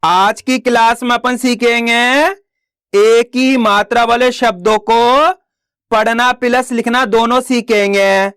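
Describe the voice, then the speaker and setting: A man teaching Hindi reading in a slow, patient way, asking questions and answering them himself. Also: very high voice, fairly even intonation, a bit bright, smooth, dry recording, studio quality.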